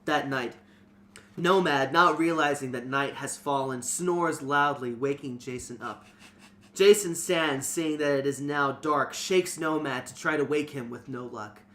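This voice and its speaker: Reading a fantasy novel as narrator, a man uses a casual scripted storytelling approach. He speaks a little slowly, with medium pitch and a fairly bright tone, over noticeable background noise.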